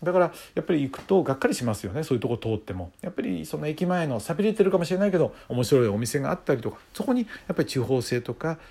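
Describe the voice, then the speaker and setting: Lively-pitched man musing aloud. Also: rapid-fire, vocal fry, few pauses, slightly rough. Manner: musing, conversational, many fillers. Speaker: podcast host. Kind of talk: casual solo talk.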